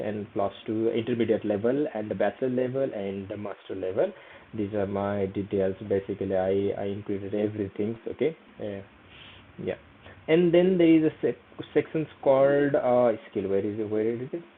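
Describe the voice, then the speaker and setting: A young Nepali vlogger, a native speaker with a Nepali accent, guides viewers through a screen-share tutorial in hesitant English packed with fillers and repeated "okay." His voice is mid-range. The audio is tinny and phone-like, with slight background noise.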